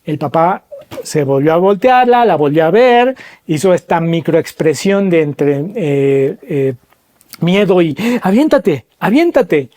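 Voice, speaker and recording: A man's voice: lively intonation, takes it slowly, darkish tone. A man hosting a podcast, telling a story and asking the listeners rhetorical questions as he explains. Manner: acts out quoted voices with pitch jumps. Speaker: podcast host.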